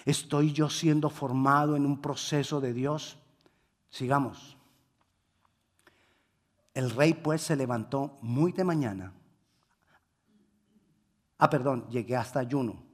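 A male preacher delivering a sermon, swinging between quiet reflection and loud emphasis. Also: medium pitch, slow, long pauses.

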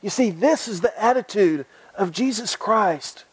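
A man with a high voice preaches an earnest sermon. He repeats his phrases and puts direct questions to his listeners. The sound is dry and close, with no room echo. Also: lively intonation, a little slow, slightly rough.

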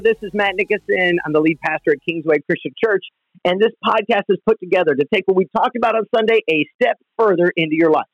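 A male pastor with a high voice speaks from home in an earnest, conversational teaching style. He is heard over the phone, so the sound is dull and lo-fi. The room is dry, with little echo. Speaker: pastor and podcast host. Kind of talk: devotional podcast teaching.

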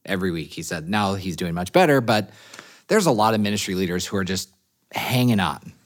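A man's voice: low-pitched, lively intonation, fairly quick. A man hosting a casual podcast interview, affirming his guests with short interjections. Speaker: podcast host.

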